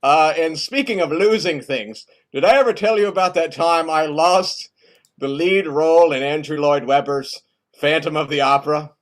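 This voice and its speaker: A man's voice: fairly high pitch, normal speed. A man co-hosting a comedy show on a video call, breezy and pushy, who keeps asking "all right?". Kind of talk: comic banter on a video call.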